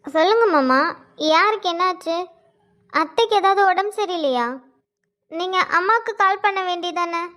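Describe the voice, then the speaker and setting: A woman's voice: very high voice, expressive, normal speed, pauses often, bright, forceful tone, exaggerated voice. A woman voicing an orphaned young college girl in a cartoon, asking pleading, sobbing questions. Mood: anxious. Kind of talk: Tamil cartoon voice acting.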